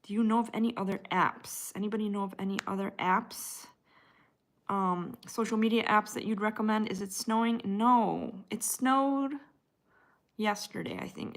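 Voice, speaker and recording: This livestream host is an American woman with a Midwestern accent whose mid-range voice sounds a bit bright. She keeps things casual, reading comments and responding to viewers by name one after another.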